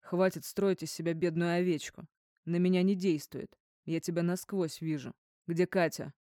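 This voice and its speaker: A woman's voice: lowish voice, steady tone, normal speed, dark tone, no room sound, clean studio sound, close to an everyday voice. A woman voicing a drunk, jealous man who barks threats in an audiobook. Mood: menacing. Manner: barking, threatening.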